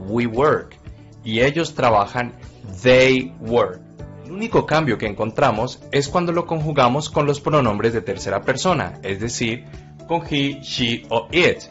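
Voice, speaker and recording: A man explains grammar like a patient teacher, walking through each example slowly and carefully. His voice sits at an ordinary pitch and bounces around a roomy space. Soft music plays faintly underneath. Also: muffled recording. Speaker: English teacher. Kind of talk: language lesson explanation.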